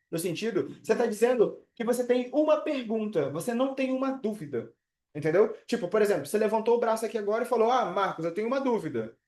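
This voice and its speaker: A man's voice: sits high, darkish tone, roomy sound. A man in his twenties teaching English in a casual live online class, chatty and full of fillers and check-ins with his students. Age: 20s.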